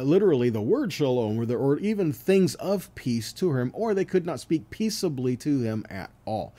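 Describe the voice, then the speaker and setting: A man with a warm, mid-range voice gives a Bible teaching, reading verses and earnestly explaining them. He often checks in with his listeners, tagging on "okay?" and "right?"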